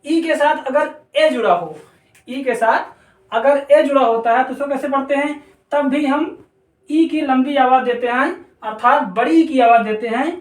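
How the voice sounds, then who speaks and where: A man teaching an English pronunciation lesson, slowly spelling out letters and repeating each word. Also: very high voice. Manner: slow, deliberate, spells out letters and repeats words. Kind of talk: spoken language lesson. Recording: roomy echo, voice distant from the mic.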